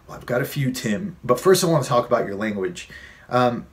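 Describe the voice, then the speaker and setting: On his fitness vlog, a coach in his late thirties talks briskly and expressively in a medium-pitched voice. His delivery is earnest and chatty, and he drives home the main points by repeating them.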